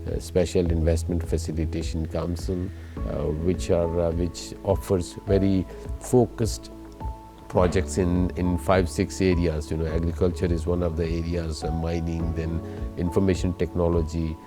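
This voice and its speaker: A middle-aged man with a Pakistani accent gives formal interview answers as an ambassador, in a measured, halting way full of hesitations. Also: deep voice, flat delivery, music in the background. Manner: halting, measured, hesitant phrasing with frequent long fillers.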